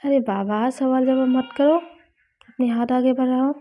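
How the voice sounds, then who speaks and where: A woman's voice: high voice, steady tone, unhurried. A woman voicing a playful, affectionate young college woman who teases and coaxes her girlfriend, read out in a storybook. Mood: coaxing. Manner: teasing, coaxing. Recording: slightly dull lo-fi recording.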